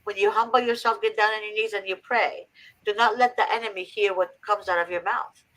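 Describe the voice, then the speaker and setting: A woman's voice: medium pitch, steady tone, fairly quick, fairly bright tone, rough recording. A woman from Egypt hosting a faith-based advice talk, earnest and preachy with emphatic repetition. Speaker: host.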